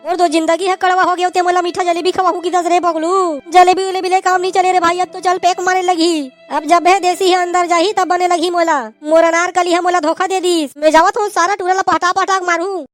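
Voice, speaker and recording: A woman's voice: extremely high pitch, little pitch movement, brisk, hardly any pauses, faint music behind. A woman doing a whiny Chhattisgarhi village lad. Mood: heartbroken. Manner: pleading and whining. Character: lovesick whiny young village man, scamp. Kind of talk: cartoon voice acting.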